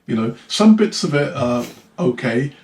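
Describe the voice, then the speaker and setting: Give me a man musician rambling through a relaxed interview, in a roomy echoey room. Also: mid-range voice, a little slow. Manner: rambling, hesitant, sings rhythms as "da da". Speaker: guitarist interviewee. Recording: roomy echo.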